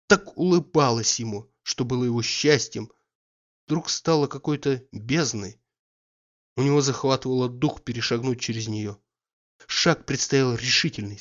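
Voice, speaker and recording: A man narrating a literary audiobook at a measured, even pace. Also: medium pitch, muffled recording.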